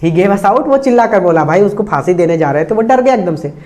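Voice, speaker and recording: A man teaching an English lesson, explaining each phrase slowly and repeating it in several ways. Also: sits high, expressive, mellow. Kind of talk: line-by-line Hindi explanation of an English text.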